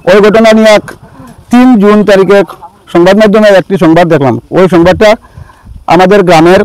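A man gives a formal public statement in a crisp, resonant voice, moving along briskly. His wording is careful and bookish, like a prepared declaration, and the recording is dry and close. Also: fairly high pitch, a little mellow, no echo, low-quality recording. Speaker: local resident giving a statement.

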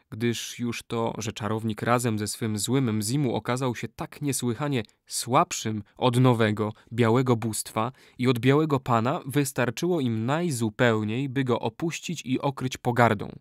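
A man reading a classic novel aloud as an audiobook narrator, in a measured, steady storytelling manner. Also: mid-range voice, no room sound, studio quality. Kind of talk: scripted narration.

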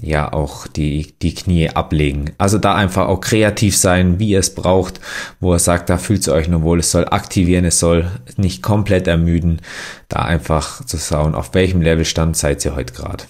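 Low-voiced man explaining exercises. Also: normal speed. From Germany. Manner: relaxed, many fillers and restarts. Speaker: athlete demonstrating exercises. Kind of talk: voice-over exercise instruction.

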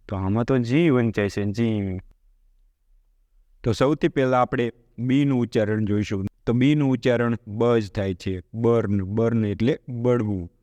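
Man, Gujarati accent, English teacher, asks questions step by step, clear voice, dry room. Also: mid-range voice, a little mellow, no room sound. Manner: explains step by step and poses questions to the viewer. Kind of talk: spoken English lesson.

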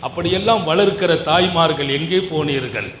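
A man giving a sermon, moving between soft storytelling and loud, rising exhortation. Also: a little high, normal speed, reverberant, slight background noise. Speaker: Islamic preacher.

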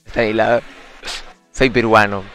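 A man's voice: on the low side, flat delivery, moderate pace, a bit bright, soft background music. A young man with a Peruvian Spanish accent, streaming live and chatting casually with jokes, teasing and a lot of laughter. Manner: joking, teasing banter with frequent laughter.

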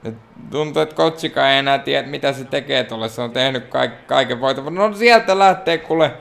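Speaking in a mid-range voice with vocal fry, a gaming YouTuber from Finland offers excitable commentary on a wrestling game. He pokes fun at himself and talks directly to the characters on screen.

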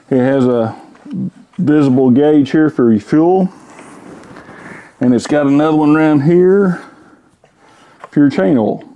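A tool reviewer rambles casually about a chainsaw in his garage at home, folksy and full of fillers. His mid-range voice has a dark tone, captured by a camera-mounted microphone.

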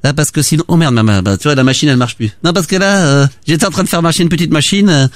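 A man's voice: a little high, quick pace, dry recording. A young man hosting a radio prank show, teasing and mocking the people he calls and laughing often. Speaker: radio prank-call host. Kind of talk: prank call banter.

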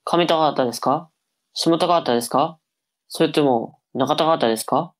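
A woman's voice: low-pitched, normal speed. A woman voicing a cocky, teasing young older brother in a comic tongue-twister reading drama. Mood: playful.

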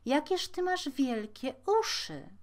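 Female reader as little girl, innocent, trusting, courteous, measured pace, fairy-tale storybook. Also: high-pitched, animated, voice pushed up. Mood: astonished. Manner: polite, naive.

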